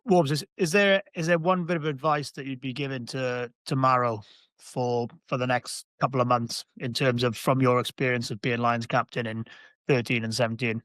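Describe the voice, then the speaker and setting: A man's voice: medium pitch, fairly even intonation, a bit bright, no echo. A man co-hosting a podcast, talking thoughtfully and hesitantly in casual chat. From Wales. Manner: thoughtful, hesitant, slows to explain. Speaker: co-host, former rugby player.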